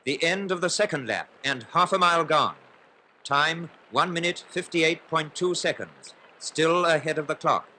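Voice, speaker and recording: A man narrates in the manner of an old newsreel, his voice set a little high and sharply bright. He calls the action formally and briskly, pressing harder as the race unfolds. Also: slight background noise. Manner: brisk, formal, building excitement in play-by-play. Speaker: newsreel commentator.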